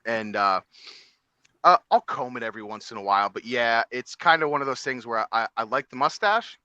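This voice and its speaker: A man's voice: mid-range voice, expressive, brisk, pushed and bright, clean tone, no room sound, dull audio. A man co-hosting a podcast, chatting casually and telling rambling stories full of fillers and restarts. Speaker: podcast co-host. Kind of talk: casual chat.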